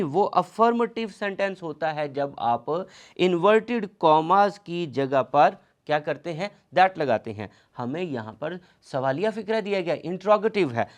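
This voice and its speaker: A male teacher leading an exam-prep lecture in a slow, measured way. His pitch sits a little high and swings up and down a lot as he stresses key words. He drags out English sentences word by word for his students. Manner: addresses students as "dosto", reads English sentences slowly word by word.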